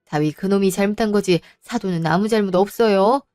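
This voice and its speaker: A woman's voice: medium pitch, fairly quick, dark tone, clean tone, no echo, clean studio sound, soft background music, natural voice. A woman voicing an older mother who speaks sternly and practically to her daughter and protects her. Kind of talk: storybook voice acting.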